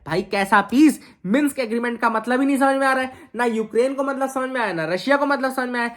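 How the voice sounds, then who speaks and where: A high-voiced, fast-talking woman gives a chatty video lesson to exam students. She asks rhetorical questions and slips English phrases in as she explains.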